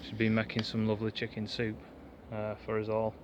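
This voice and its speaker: A man chatting fast and rambling to the camera in a pine woodland, like a bushcraft vlogger. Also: on the low side, completely flat delivery, slight background noise. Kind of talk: casual rambling chat to camera. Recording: dull lo-fi outdoor recording, faint woodland ambience.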